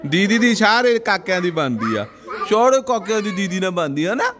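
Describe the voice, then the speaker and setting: A man's voice: high voice, big pitch swings, moderate pace. A man vlogging a family visit, joking and coaxing the children in a sing-song way. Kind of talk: casual family vlog chatter. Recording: noisy family crowd around.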